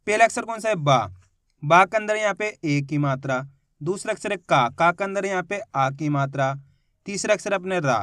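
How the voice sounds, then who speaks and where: A man's voice: high-pitched, moderate pace, a bit bright, no echo, clean studio sound. A man teaching beginners to read, sounding out each syllable before saying the whole word, and encouraging learners to try. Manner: spells each syllable aloud, then says the whole word. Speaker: Hindi reading teacher. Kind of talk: slow syllable-by-syllable reading lesson.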